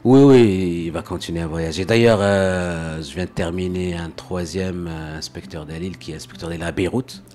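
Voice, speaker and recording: A man's voice: sits low, steady tone, normal speed, hardly any pauses, mellow. A man from Morocco, a guest in an interview, talking casually and often repeating words as he searches for phrasing.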